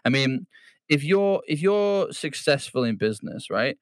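A man's voice: fairly high pitch, sing-song, a little slow, no echo, studio quality. A man hosting a podcast, chatting casually and joking with his guest, laughing easily. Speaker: podcast host.

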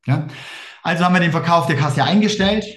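A man with a German accent telling his story fast and emphatically in a casual interview, acting out quoted exchanges. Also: a little high, reverberant. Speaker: interview guest.

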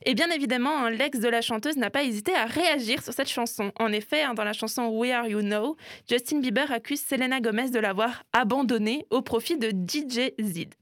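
A woman hosts a music segment, talking in a chatty, explaining tone with quick asides. Her voice sits a little high. The recording is close and dry, with no room sound. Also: a bit bright, no room sound. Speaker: show host. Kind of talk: presenting a themed music segment.

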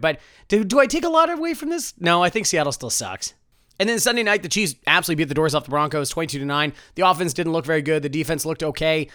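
Quick, animated, sarcastic young male podcast host, dry close sound. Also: a little high, no echo. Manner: sarcastic, self-mocking, quick jokey delivery. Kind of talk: sports betting podcast, casual chat.

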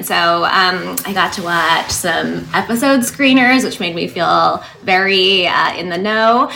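A woman panelist talking casually with a halting delivery. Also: medium pitch, bright, forceful tone. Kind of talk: casual self-introduction. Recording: clear background noise.

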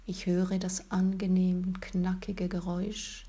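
A woman leading a guided relaxation in a soft, soothing, breathy spa-like whisper, as scripted narration. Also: on the low side, completely flat delivery, slow pace.

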